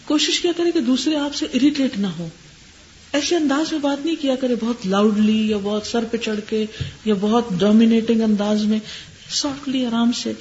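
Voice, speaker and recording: A woman religious teacher answering listeners' questions in a gentle, advising lecture. She mixes English words into her speech and often checks in with her listeners. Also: on the high side. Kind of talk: Islamic advice lecture. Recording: dull lo-fi recording with faint hiss.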